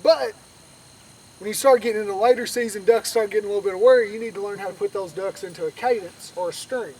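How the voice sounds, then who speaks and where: High-pitched man teaching, outdoors. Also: fast, darkish tone, husky. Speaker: duck calling instructor. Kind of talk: informal outdoor tutorial, conversational teaching. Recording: distant mic outdoors, faint background noise.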